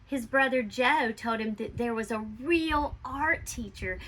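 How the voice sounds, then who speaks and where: A woman with a rather high, slightly bright voice reads a children's picture book aloud the way a schoolteacher would, expressively and with deliberate, emphatic stresses.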